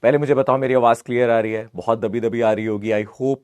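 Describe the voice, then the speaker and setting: A man with a hoarse, sore voice, chatting casually as a live online physics teacher. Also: mid-range voice, steady tone, fairly quick, darkish tone, dry recording. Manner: chatty, repeats greetings, mixes English into Hindi. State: hoarse, sore throat from fever. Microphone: close mic, amplified.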